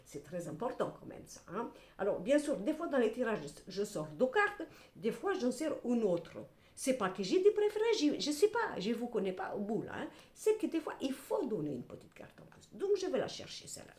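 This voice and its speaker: A woman's voice: on the high side, moderate pace. A middle-aged woman gives a tarot reading to camera in a blunt, salty, chatty way. Her voice swoops up and down a lot. It sounds roomy and echoey, as if she is recording in a bare room at home. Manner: animated, blunt and salty, with repeated "hein" and "voilà". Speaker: tarot card reader.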